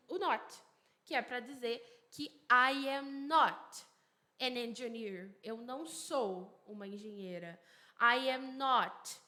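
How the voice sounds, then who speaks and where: Bright-voiced woman teaching English grammar. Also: fairly high pitch. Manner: explains slowly and repeats examples, asks herself questions aloud. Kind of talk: bilingual grammar lesson.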